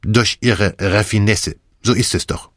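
A man's voice: on the low side, measured pace, a bit bright, dry recording, studio quality. A man voicing a fussy, theatrical older male detective in an audiobook, talking dramatically and dropping French phrases. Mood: earnest reasoning. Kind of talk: audiobook character voice.

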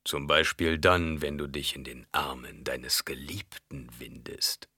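Sly bloated old baron voice, husky and low, purring slowly, as a man puts it on. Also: steady tone, sharp tone, no room sound, clean studio sound, exaggerated voice. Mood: oily whisper. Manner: low, oily, drawn-out, sinking to whispers. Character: grossly fat old male baron, sly and wheedling.

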